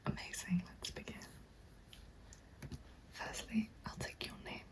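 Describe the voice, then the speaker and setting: A young English ASMR creator whispers softly and breathily on a close mic, speaking a little slowly as she roleplays a recruitment consultant. Her patter is polite, gentle and attentive. The roughly recorded audio comes from a small room at home, with typing on a computer keyboard behind her.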